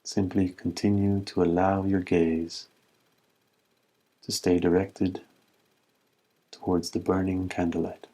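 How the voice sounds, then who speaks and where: A man whose voice sits low leads a guided meditation as a teacher. The pacing is calm and measured, with long pauses between phrases.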